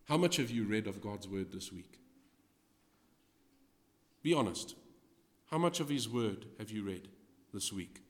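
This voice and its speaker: A man preaching as a guest in a church, moving from hushed lines to loud, dramatic readings of scripture. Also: fairly low pitch, expressive, measured pace, long pauses. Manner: swings from hushed to loud, acting out scripture quotes. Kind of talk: sermon. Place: church hall. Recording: reverberant hall.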